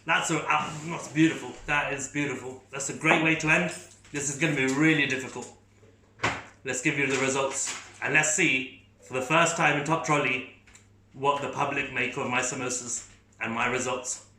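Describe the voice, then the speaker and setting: A man's voice: mid-range voice, steady tone, normal speed, background noise. A man hosting a food tasting, chatting enthusiastically as he eats and rates each bite. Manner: enthusiastic, talks while chewing. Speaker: food reviewer host. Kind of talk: casual food tasting commentary. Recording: echoey room.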